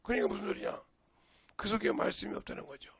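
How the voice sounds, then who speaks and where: A man's voice: fast talker, crowd noise. An older man with a Jeolla Korean accent, a pastor preaching a folksy, storytelling sermon with sudden emphatic rises. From Jeolla region, Korea.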